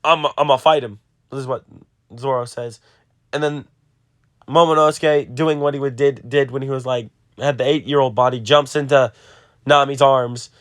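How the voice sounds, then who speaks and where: A man's voice: medium pitch, fairly even intonation, moderate pace, clean tone, no echo, clean studio sound. A man casually recapping a manga chapter in a loose, slangy way, swearing and saying "like" and "bro" a lot. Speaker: manga reviewer.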